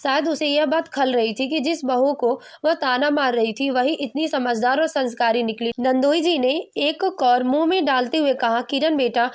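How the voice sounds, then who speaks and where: A woman's voice: high voice, normal speed, few pauses. A woman narrating a scripted family story, reading all the characters' lines in her own voice. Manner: reads every role in her own voice.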